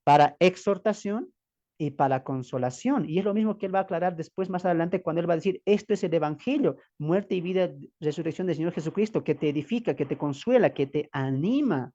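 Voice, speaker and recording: A man's voice: sits high, quick pace, hardly any pauses, mellow, dull audio. A man from Bolivia teaching from the Bible as a preacher, emphatic and full of rhetorical questions, calling listeners beloved brothers.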